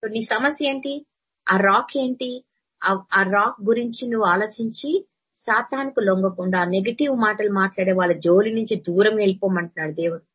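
Woman, earnest sermon, repeats phrases, very husky breathy voice, dull lo-fi radio sound. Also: mid-range voice, normal speed, fairly bright tone. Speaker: preacher.

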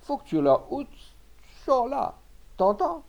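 A man voicing a gruff, bullying older peasant farmer and mayor who talks in rustic country speech and barks orders. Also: very high voice, big pitch swings, slow pace, highs cut off, pitched above the performer's own voice, exaggerated voice. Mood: insistent.

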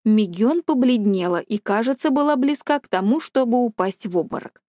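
Woman audiobook narrator, a touch high, steady scripted reading, dry booth sound. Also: moderate pace, no room sound.

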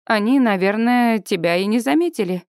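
A woman reading an audiobook, voicing a calm, soothing young man. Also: fairly high pitch, normal speed, smooth, no echo, clean studio sound. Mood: reassuring.

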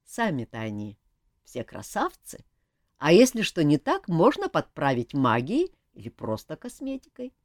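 Cheeky young male jester, animated and teasing, low lively voice, dry sound; a woman narrator voicing him. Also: measured pace, no room sound, full character voice. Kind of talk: audiobook reading.

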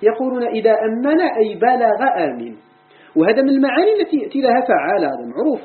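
A man's voice: very high voice, sing-song, racing, echoey room, phone-quality sound. A man with a Moroccan Arabic accent who teaches Quran commentary, explaining a text and asking questions he answers himself. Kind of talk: religious lesson explaining a text.

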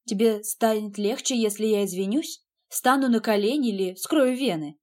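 A woman voicing a cold, curt wealthy husband in an audiobook, with a flat, clipped delivery. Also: mid-range voice, normal speed, lightly acted.

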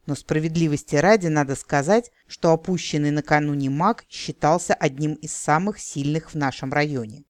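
A man's voice: on the high side, moderate pace, few pauses, no echo, studio quality. A man reading a fantasy audiobook in a wry, ironic narrating voice.

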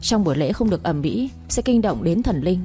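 A woman voicing a male Taoist priest who chants an exorcism slowly and solemnly. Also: fairly low pitch, animated, warm tone, soft background music, natural voice. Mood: stern. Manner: slow incantatory chanting.

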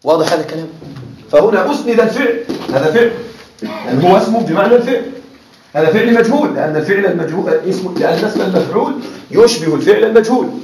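Male teacher with a high voice, lecturing a class and checking that students follow, echoey classroom. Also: expressive, darkish tone. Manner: asks students often if they follow; repeats words slowly for emphasis. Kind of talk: classroom lecture on Arabic rhetoric. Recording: echoey classroom with faint noise.

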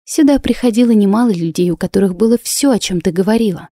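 A woman's voice: fast, no room sound, clean studio sound, natural voice. A woman reading an audiobook, voicing an enthusiastic young woman artist in a raised, exclaiming voice. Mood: lively. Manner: bright, exclaiming, raised pitch. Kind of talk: audiobook character voice.

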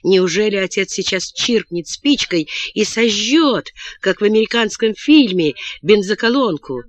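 Ironic storyteller reading a book, very animated tune, no room sound. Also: mid-range voice, a little slow, no echo. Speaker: narrator. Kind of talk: audiobook narration.

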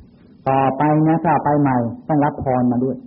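An older man, a monk, voicing a stern scolding old grandmother in slow, admonishing words, over a tinny phone-like recording. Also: mid-range voice, steady tone, breathy edge, close to an everyday voice.

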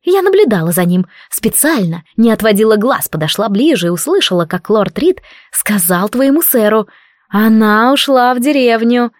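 A woman's voice: fairly high pitch, animated, normal speed, dry recording, clean studio sound, voice pushed up, lightly acted. A woman voicing a spiteful, jealous young maid who talks in a venomous, mocking hiss. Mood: gloating.

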